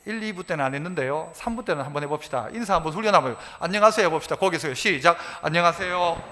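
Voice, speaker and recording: A man preaching a sermon as pastor in a church, animated and acting out quoted dialogue. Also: fairly high pitch, racing. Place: church sanctuary. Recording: reverberant church sanctuary.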